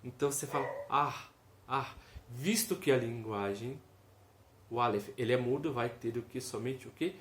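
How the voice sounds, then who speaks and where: Medium in pitch and normal in speed, this male teacher gives an informal video lesson, walking through it step by step. He often adds "ok?" and demonstrates each vowel sound aloud, recorded in an echoey room with faint noise.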